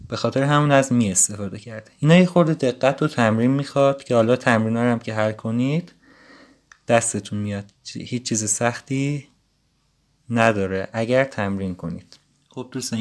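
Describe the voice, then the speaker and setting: A man giving a casual, patient language lesson, explaining grammar rules step by step. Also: lowish voice. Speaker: Turkish language teacher.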